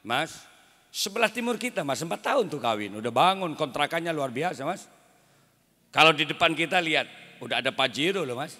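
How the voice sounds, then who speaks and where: A man's voice: on the high side, expressive, brisk, bright, forceful tone. A man voicing a nagging wife who keeps complaining about the neighbors' wealth, ending each line with "Mas". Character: nagging wife comparing her husband to neighbors. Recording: reverberant hall sound system.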